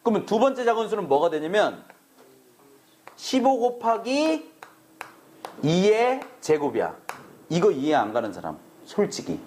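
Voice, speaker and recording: A man's voice: high voice, huge pitch swings, unhurried, long pauses, darkish tone, a little hiss or hum. A man teaching math to a classroom, brash and teasing, swearing at students in a casual way. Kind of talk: classroom lecture.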